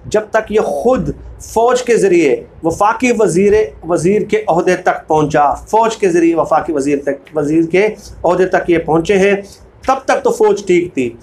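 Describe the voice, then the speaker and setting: A man with a Pakistani accent hosts an informal political commentary video, reading book excerpts and speaking emphatically, repeating phrases for weight. His voice sits high with a darkish tone, and there's a little hiss or hum.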